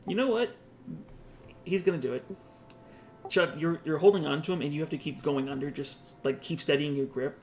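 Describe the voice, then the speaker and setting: A man's voice: a little high, normal speed, long pauses, a little mellow, soft background music. A man running a tabletop game as game master, describing scenes in the second person with the odd laugh.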